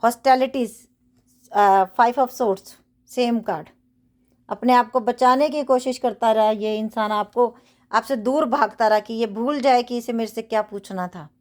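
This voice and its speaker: In a fairly high, slightly mellow voice at a measured pace, a woman offers her viewers a casual tarot reading from her bedroom, cards spread on the bed. She sounds earnest and preachy, repeats phrases, and mixes in affirmations in English.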